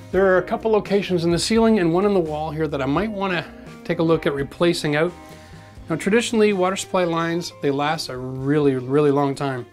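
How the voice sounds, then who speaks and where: Man giving a hands-on renovation lesson. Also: a little high. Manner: direct, practical, addresses viewers as folks. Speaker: renovation show host. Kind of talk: hands-on how-to demonstration. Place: gutted bathroom in an old brick building, indoors.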